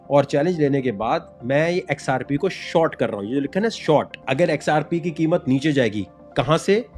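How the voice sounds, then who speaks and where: A man giving a chatty trading tutorial over a screen share, swinging between loud asides and quiet explanation. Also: fairly high pitch. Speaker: crypto trading instructor.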